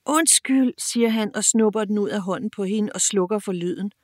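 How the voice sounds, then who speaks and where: A woman's voice: medium pitch, dry recording, studio quality. Woman narrating a children's audiobook. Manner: clear, expressive storytelling.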